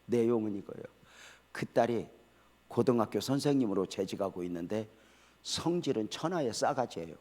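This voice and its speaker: An older man delivers a church sermon with lively energy. He quizzes the congregation, calls for responses, and drifts into relaxed conversational stories between points. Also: lowish voice, moderate pace. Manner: casual storytelling asides. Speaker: pastor. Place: church sanctuary.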